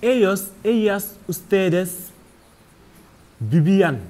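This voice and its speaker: A man's voice: sits high, animated, drawn-out words, a little mellow. A man with a Senegalese French accent teaching a grammar lesson, patiently spelling out verb forms one by one.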